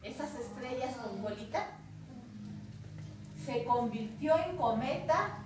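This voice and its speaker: A woman with a Mexican Spanish accent tells a story to children in an expressive, unhurried way, often pausing to ask them questions. Her high voice bounces around a very echoey room, picked up from far off over faint background noise. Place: community cultural center room. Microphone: distant microphone. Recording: echoey room, distant mic.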